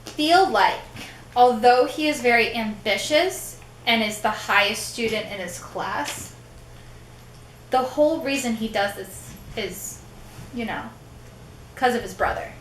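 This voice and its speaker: High-voiced giggly woman panelist. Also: animated, unhurried, long pauses, a bit bright, reverberant, a little hiss or hum. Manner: enthusiastic, giggly, counting down votes. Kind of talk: casual chat.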